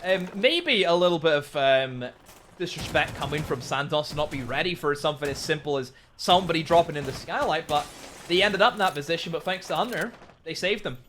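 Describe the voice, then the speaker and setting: Bright, forceful male esports caster. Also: a little high, animated, brisk, slight background noise. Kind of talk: esports commentary and analysis.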